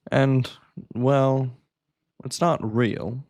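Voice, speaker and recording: An actor playing a charming, teasing doctor who appears as a fantasy boyfriend, with a warm, playful and grumbly manner. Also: male voice, mid-range voice, steady tone, very slow, dry recording, clean studio sound. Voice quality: grumbly, gravelly. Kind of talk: short film drama.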